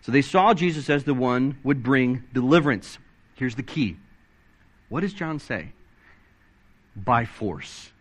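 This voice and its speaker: A man preaching a sermon, excitable and animated, reading scripture aloud and swinging his pitch up and down as he stresses points. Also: measured pace, pauses often. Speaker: pastor.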